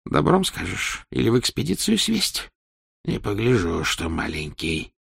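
Sinister old interrogator, voiced by a male reader: low, slow, whispered menace, dry and close. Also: huge pitch swings, vocal fry, a bit bright, breathy edge, no echo, exaggerated voice. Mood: menacing. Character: old menacing secret-police chief, man.

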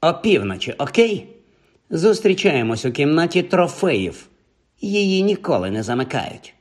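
A man's voice: fairly high pitch, sing-song, normal speed, voice pushed up. A man voicing an arrogant, mocking schoolboy bully. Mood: sneering. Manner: mocking, taunting. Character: sneering arrogant boy bully.

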